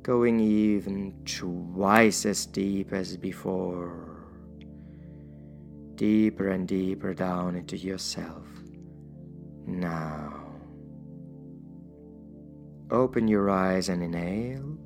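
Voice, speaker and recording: A man guiding a hypnosis session in a soothing, measured manner with drawn-out pauses. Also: deep voice, vocal fry, music in the background. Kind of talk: guided hypnosis induction, soothing instruction.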